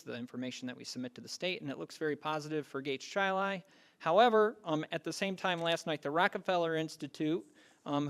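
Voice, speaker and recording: Man delivering a hesitant board committee report, clear resonant tone, slightly raised pitch. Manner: hesitant, frequent ums.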